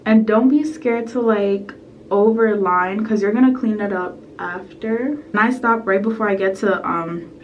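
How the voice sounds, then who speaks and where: A woman's voice: medium pitch, unhurried, recorded from a distance, lo-fi sound, slight background noise. Young female beauty vlogger, loose filler-heavy chat, slightly under the weather, recorded from across a reverberant room. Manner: chatty, filler-heavy, frequent "like" and asides. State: a bit sick. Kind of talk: casual makeup tutorial chat. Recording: roomy echo, set back from the mic.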